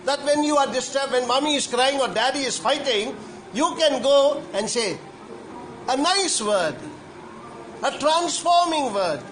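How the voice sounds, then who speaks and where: A man's voice: extremely high pitch, lively intonation, a bit bright, slight background noise, poor audio. A priest giving a homily to children, asking them question after question and repeating himself as he goes. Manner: slow, questioning, repeats questions to young listeners. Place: church.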